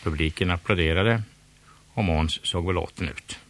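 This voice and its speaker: A man reading a children's storybook aloud with lively, expressive narration. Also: low-pitched.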